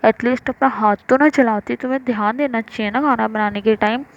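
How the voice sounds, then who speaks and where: A woman's voice: on the high side, fairly even intonation, fairly quick, highs cut off, slight background noise, close to an everyday voice. A woman voicing a bossy young office woman who scolds her partner, in a plain storytelling read. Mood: scolding.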